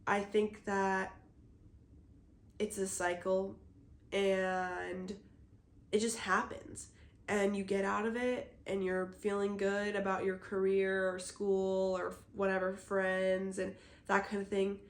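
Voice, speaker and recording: A young woman hosting a solo podcast, musing casually in a hoarse, husky voice, with lots of "like" fillers. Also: medium pitch, little pitch movement, slow pace. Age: young adult. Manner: reflective, rambling, many "like" fillers. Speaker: podcast host. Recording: roomy echo.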